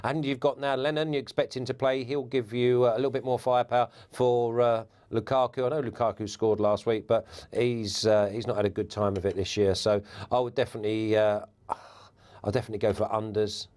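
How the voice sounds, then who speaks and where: An English former footballer appears as a guest pundit, talking football in a relaxed way, laughing easily and restarting words. His voice is medium-pitched and brisk.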